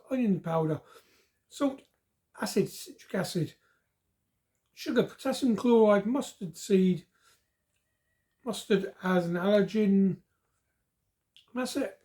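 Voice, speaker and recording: A woman's voice: medium pitch, dark tone. A woman giving a casual, chatty food review, repeating words for emphasis. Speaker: snack reviewer.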